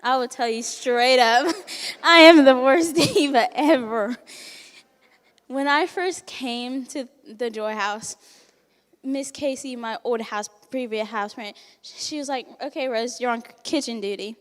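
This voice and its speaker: In a fairly high voice and at a slightly slow pace, a teenage resident who isn't a native English speaker shares a candid testimonial at a banquet. She laughs a lot and acts out what people told her, with a long reverb tail behind her.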